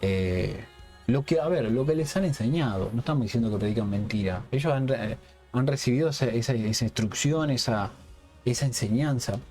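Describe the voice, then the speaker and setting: A man's voice: mid-range voice, moderate pace, mellow, faint music behind. A man giving an unscripted Bible teaching for a Hebrew-roots ministry, checking in with a questioning "yes?" after nearly every phrase and often restarting words.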